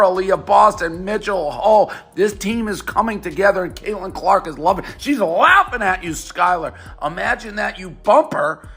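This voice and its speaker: A man's voice: sits high, husky. A man giving opinionated, casual sports commentary in a heated, mocking rant. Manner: heated, mocking, animated ranting.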